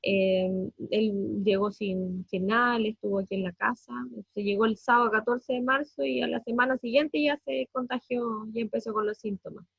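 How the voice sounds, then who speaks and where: A Chilean woman in her thirties recounts her family's ordeal in a husky, slightly breathy voice, repeating words and hesitating often. The sound is dry and close, with a dull, muffled top end. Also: on the high side, fairly even intonation, dry recording. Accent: Chilean Spanish. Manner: halting, many fillers and repetitions, voice breaking with distress. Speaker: parent giving a family testimony. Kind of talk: emotional personal testimony.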